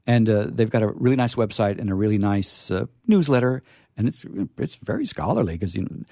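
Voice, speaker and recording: A man with a lowish, gravelly, warm voice talks animatedly and fairly quickly in a dry, clean studio recording. He's a library staffer hosting an informal live discussion, hesitant and repeating phrases, with playfully formal turns of speech.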